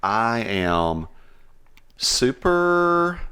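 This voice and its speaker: A man's voice: medium pitch, very animated, drawn-out words, sharp tone, clean tone. A man with a slangy West Texas twang, chatting casually as co-host of a show. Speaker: podcast co-host. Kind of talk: casual chat.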